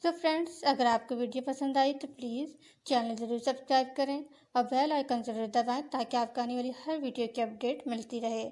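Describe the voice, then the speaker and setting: A woman teaching vocabulary, saying each word slowly and carefully and repeating it several times. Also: high-pitched, steady tone, a little mellow. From Pakistan. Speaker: language teacher. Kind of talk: vocabulary lesson with repeated words.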